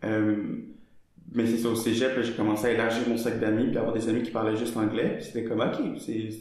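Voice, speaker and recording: A man's voice: on the low side, flat delivery, quick pace, a little mellow. A young man from Montreal with a Québécois French accent, chatting as an interview guest in a hesitant, filler-heavy way, laughing easily. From Montreal, Quebec. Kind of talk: casual conversation. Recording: very echoey room.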